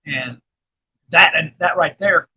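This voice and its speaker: Middle-aged arkansas man, rambling interview guest, husky and bright. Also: fairly high pitch, slow pace, rough recording. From Arkansas, USA. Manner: rambling, many fillers and restarts, laughs often. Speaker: guest filmmaker and actor. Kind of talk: casual interview chat.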